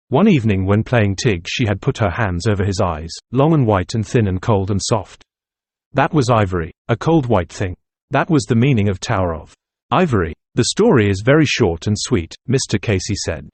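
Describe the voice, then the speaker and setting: Brief: male audiobook narrator, measured, low register, dead studio. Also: darkish tone, breathy edge, no room sound. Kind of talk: scripted narration.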